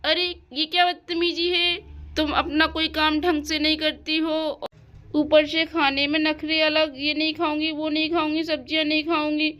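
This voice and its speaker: A woman's voice: high voice, little pitch movement, normal speed, sharp tone. A woman voicing a strict mother in a doll-house cartoon story, nagging and scolding her daughter.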